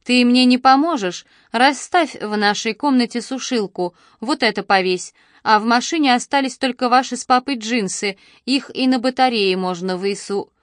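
A woman's voice: fairly high pitch, moderate pace, hardly any pauses, dry recording, clean studio sound, voice pushed up, close to an everyday voice. A woman reading the lines of a busy middle-aged mother who talks in a matter-of-fact, dismissive way in an audiobook. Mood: calm dismissive. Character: tired busy middle-aged mother, calm then sharp. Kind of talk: audiobook dialogue.

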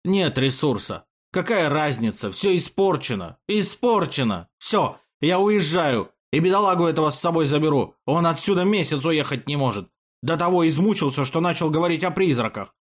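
A heartbroken, wailing artist in a storybook reading, his voice pushed high and loud as he laments his ruined paints, with a man putting him on. The delivery is plaintive and theatrical, rising and falling. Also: animated, normal speed, close to an everyday voice. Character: distraught wailing middle-aged male artist.

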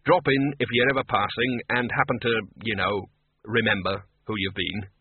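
A man's voice: lowish voice, steady tone, normal speed, breathy edge, no room sound. A man voicing a nervous, blunt male wizard dean. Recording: narrow phone-like sound, dry.

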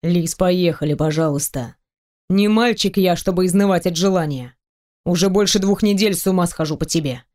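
A woman voicing a confident, seductive grown man who talks in a low, velvety, coaxing way in an audiobook. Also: moderate pace, mellow, close to an everyday voice. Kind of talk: audiobook reading.

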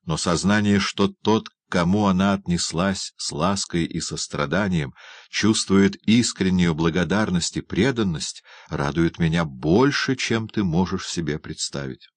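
Brief: a man playing a kind young lady, soft and tender, low dry voice. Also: measured pace, dry recording.

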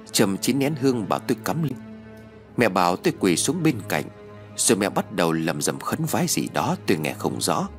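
A man narrating a first-person ghost story as an audiobook reader, in an expressive, dramatic way. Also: deep voice, breathy edge.

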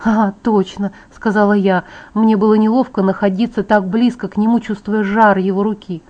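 A woman's voice: medium pitch, steady tone, brisk, a little mellow. A woman with a mid-range voice narrating a first-person audiobook. She reads steadily and evenly, now and then stumbling slightly. The recording is dull and lo-fi.

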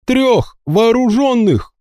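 A man voicing a small green-skinned goblin quartermaster who shouts with excited, servile eagerness. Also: very high voice, slow, dry recording, clean studio sound, pitched above the performer's own voice, exaggerated voice.

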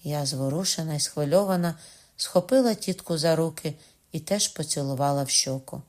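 A woman reads a novel aloud in the first person, expressive and lively. Her natural voice sits a little low, and her pitch springs up when the story turns excited. The reading is steady and measured between those bursts. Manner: lively, rising high when quoting excited speech. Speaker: audiobook narrator.

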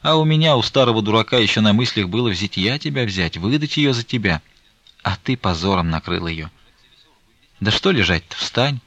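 A man reading the part of a stern, grieving old merchant, talking in a slow, weighty, reproachful way. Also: fairly low pitch, lively intonation, a bit bright, no room sound.

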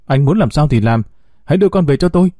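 A man's voice: fairly high pitch, animated, quick pace, dark tone, no echo, studio quality. A man putting on a frantic young mother. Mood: furious. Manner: stammering, pleading, accusing.

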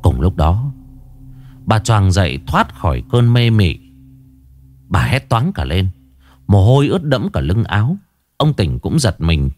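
A man's voice: fairly low pitch, sing-song, measured pace, pauses often, a little mellow, dry recording, soft background music. A man narrating a ghost story in a dramatic storytelling manner.

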